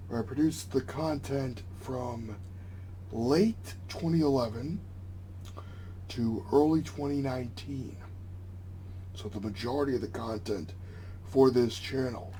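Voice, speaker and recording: A man's voice: mid-range voice, a little mellow. A young man rambling casually as a vlog host, with a slight retainer lisp and slur. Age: young adult. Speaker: video channel host. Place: small home room, indoors. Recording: clearly noisy room background.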